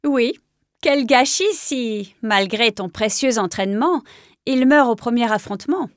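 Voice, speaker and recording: A woman voicing a calm female healer cat in a storybook reading, gently mocking and firm. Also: a little high, unhurried, clean tone, dry recording, studio quality, close to an everyday voice. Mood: teasing.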